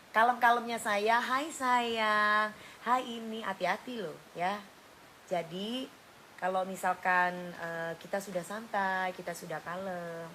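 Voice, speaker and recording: A woman's voice: medium pitch, fairly bright tone, a little hiss or hum, rough recording. A middle-aged woman, a singer on a phone livestream, talking casually and bluntly, scolding and lapsing into coarse slang. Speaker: singer doing an Instagram live.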